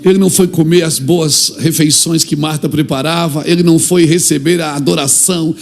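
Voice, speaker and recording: A man with a Brazilian Portuguese accent preaching an impassioned church sermon, acting out little dialogues and building to shouted climaxes. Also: fairly high pitch, fairly even intonation, brisk, vocal fry, a little hiss or hum.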